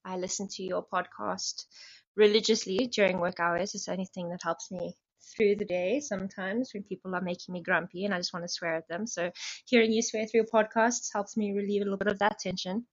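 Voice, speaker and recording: A woman's voice: medium pitch, fairly even intonation, fairly quick, no echo. South African woman in a dull, dry voice message. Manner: chatty, hesitant with ums. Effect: recorded voice message played on the show. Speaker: listener caller. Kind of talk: casual voice note. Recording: dull, dry voice-note recording.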